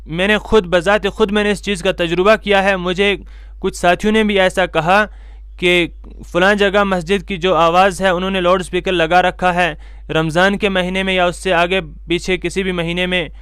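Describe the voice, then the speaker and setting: A male cleric gives a religious lecture to camera, offering guidance in a high-pitched, clear, slightly bright voice. He's formal and instructive, driving points home by emphatically repeating them. The recording is close and dry, with very little room sound.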